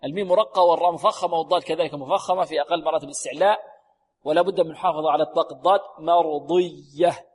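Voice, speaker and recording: A man teaching Quran recitation on the radio, stretching words slowly to demonstrate sounds and then explaining briskly. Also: on the high side, husky, long reverb tail. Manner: slow drawn-out demonstration of sounds, repeats words; brisk explanations between examples. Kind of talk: tajweed lesson on radio. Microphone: recorded for radio.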